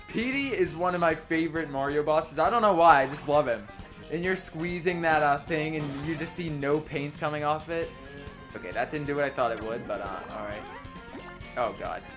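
Higher-pitched man rambling through gameplay. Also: a bit bright. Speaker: let's play host. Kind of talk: casual gameplay commentary. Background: game music.

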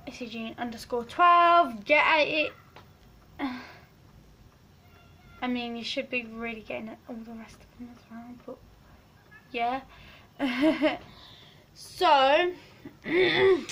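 This is a casual bedroom selfie vlog from a teenage girl whose high voice is fading. Rambling and giggly, she drifts between loud and soft while her phone camera at arm's length picks up slight background noise.

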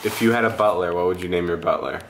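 A man's voice: sits low, fast, music in the background. A young man vlogging at home in casual chat, playful and giggly, laughing often.

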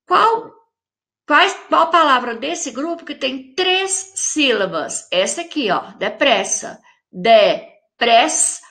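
A Brazilian woman teaching young children in a recorded remote lesson, with a high, bright voice. She talks slowly and patiently, drawing words out syllable by syllable. She keeps repeating the rule and asking the class if they follow. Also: very animated. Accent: Brazilian Portuguese. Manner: repeats rules and checks in with the class. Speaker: primary school teacher.

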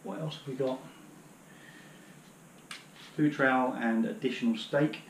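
An outdoor gear vlogger, British and in his thirties, gives a casual, rambling demonstration of his hiking gear while kneeling on his living room floor, using lots of ums and uhs. A camera a few metres away records him amid roomy echo and clear background noise. His voice is mid-range and steady.

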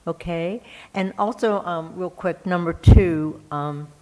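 A woman reading out church notices at a slow, unhurried pace, in a lowish voice. She is hesitant and pauses often to gather her words. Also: dark tone, rough recording. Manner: hesitant, many fillers. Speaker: church member giving announcements. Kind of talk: church announcements.

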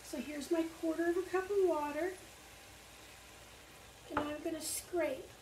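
An older woman, a library cooking teacher for children, explains a recipe step by step at a measured pace in an extremely high voice with fairly even intonation. A camera a few feet away records the echoey home kitchen, where background noise and the faint sizzle of frying meat can be heard.

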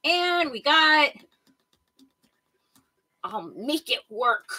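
A woman with a fairly high, bright voice chats casually as she works through scratch tickets at home. She keeps up a running patter, calling out each number as she scratches, with easy, friendly asides to her co-host. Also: sing-song, drawn-out words, low-quality recording.

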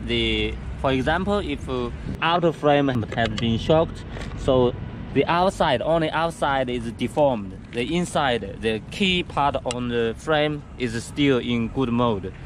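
Outdoors on pavement beside some go karts, a man from the factory's sales team shows off one of the karts in expressive, medium-pitched, halting English with lots of fillers and restarts. The camera audio carries background noise.

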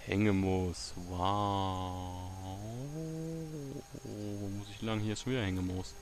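Low-voiced gamer muttering commentary. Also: male voice, slow pace, slight background noise. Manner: chatty, muttering to himself, excitable outbursts. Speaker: let's play gamer. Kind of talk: casual gameplay commentary.

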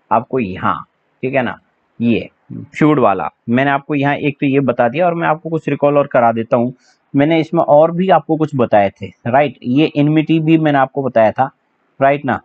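A man teaching English vocabulary for exams in a chatty, joking way, spelling words out letter by letter. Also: on the high side. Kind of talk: exam-prep English vocabulary lesson. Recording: slightly dull lo-fi audio.

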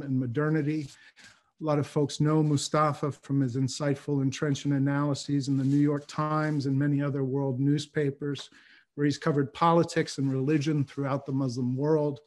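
Measured man moderating a video panel. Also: on the high side, darkish tone. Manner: measured, formal introductions. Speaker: host and moderator. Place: home study with bookshelves. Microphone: video call.

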